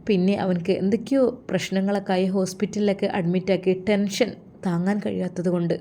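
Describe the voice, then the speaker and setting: A woman's voice: medium pitch, fairly even intonation, quick pace, mellow. A woman narrating a dramatic story in an emotive, earnest manner.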